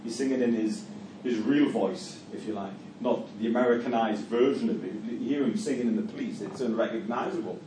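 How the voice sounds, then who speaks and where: A middle-aged man with a Geordie accent, from Newcastle, England, lectures at a university and runs a class discussion, talking briskly with few pauses in a medium-pitched voice. Hesitant, he repeats words, restarts phrases and leans on fillers. The mic is far away in an echoey room with faint background noise.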